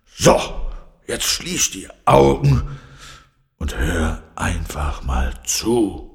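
A man voicing a big, grumpy stone lion with a growling, drawn-out way of speaking. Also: sits low, very animated, gravelly, pitched below the performer's own voice, exaggerated voice. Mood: calm.

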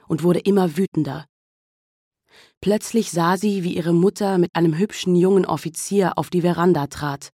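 Low, husky woman narrating. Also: dark tone, no echo, studio quality. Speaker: audiobook narrator. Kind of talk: scripted narration.

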